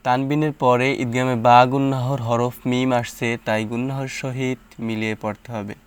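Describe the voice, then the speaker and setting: A man teaching Quran reading, sounding out each syllable slowly and patiently, with short explanations between drills. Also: mid-range voice, little pitch movement, clean tone. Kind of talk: slow syllable-by-syllable recitation lesson.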